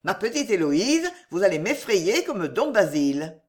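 Brief: woman reading a dry, teasing military man, lively in pitch, storybook style. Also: measured pace. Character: wry male officer, teasing and prosaic. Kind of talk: audiobook reading.

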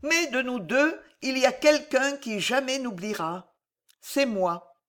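Brief: a young woman crying out her love in despair, pitched far higher, as a reader puts her on. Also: slow, fairly bright tone. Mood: grave. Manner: fierce, anguished and exalted. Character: desperate young woman torn by forbidden love. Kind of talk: dramatic audiobook reading.

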